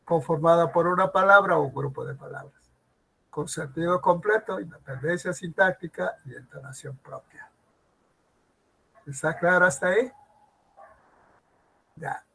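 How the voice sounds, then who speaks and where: A man teaching a grammar lesson in an online class, who keeps asking the students questions and repeats his examples slowly. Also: a little high, vocal fry, fairly bright tone, breathy edge, poor audio. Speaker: language teacher.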